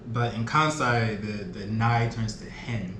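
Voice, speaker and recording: A man's voice: mid-range voice, fairly even intonation, a little slow. Hesitant young man, echoey noisy room. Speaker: interview guest. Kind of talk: casual chat. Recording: echoey room with background noise.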